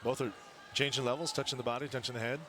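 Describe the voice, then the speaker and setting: A man with a medium-pitched voice gives conversational color commentary on a live fight. There is clear event noise around him. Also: steady tone, fast talker. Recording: noisy live event background.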